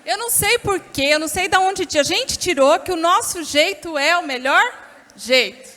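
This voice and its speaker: A Brazilian woman speaking at a church women's event, telling stories lively and expressively and talking straight to the audience. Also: very high-pitched, moderate pace. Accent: Brazilian Portuguese. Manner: lively, expressive storytelling, addresses the audience directly. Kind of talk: storytelling church talk. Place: church hall. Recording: long reverb of a church hall.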